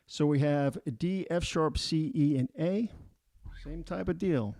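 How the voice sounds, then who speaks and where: A middle-aged man explains a music lesson in a relaxed, easygoing way, pausing often to ask "all right?". His voice is slightly high and gravelly with a mellow tone, recorded dry and close. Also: no room sound. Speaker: music teacher.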